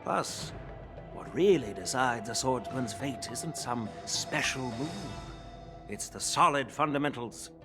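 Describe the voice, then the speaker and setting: A man's voice: medium pitch, lively intonation, measured pace, music in the background, natural voice. A man voicing a jovial, wily old general and swordmaster in a video game, speaking in an avuncular, theatrical way. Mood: amused, instructive. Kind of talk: game cutscene voice acting.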